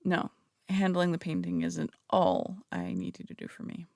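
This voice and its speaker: In an audio roleplay, a woman voices a flirtatious phantom thief in a very creaky, dry, close voice of fairly low pitch and darkish tone. She coaxes her listener at a normal speed with sing-song, theatrical, polished lines, teasing and reassuring, with small hesitant stammers. The recording is dry.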